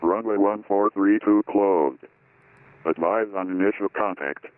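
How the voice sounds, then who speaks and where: Deep male airport weather broadcast over radio. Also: a little slow, dry recording. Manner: flat, repetitive recorded readout of weather figures. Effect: airport weather broadcast heard over aircraft radio. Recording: tinny dry radio channel.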